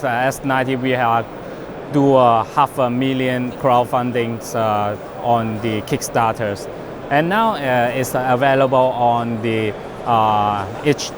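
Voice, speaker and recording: A man representing a company runs an unscripted product demo amid the noise of a trade show floor. English isn't his native language, so he speaks haltingly with broken phrasing, in a mid-range voice.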